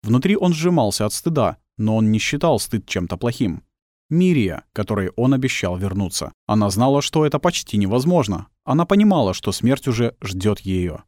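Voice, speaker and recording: Guy reading an audiobook, really lively pitch, dead dry booth sound. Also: normal speed, no echo. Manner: expressive, tense storytelling. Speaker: audiobook narrator. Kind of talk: dramatic scripted narration. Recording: dry close studio sound.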